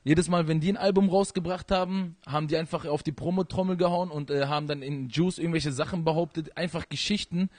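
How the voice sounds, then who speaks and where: A young man from Iran, born there and raised in this country, answers interview questions into a handheld mic. He rattles along quickly in loose run-on sentences full of fillers, with a slightly high voice. The sound is close and dry. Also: fairly even intonation, no room sound. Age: young adult. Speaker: rapper being interviewed. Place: living room at home, indoors.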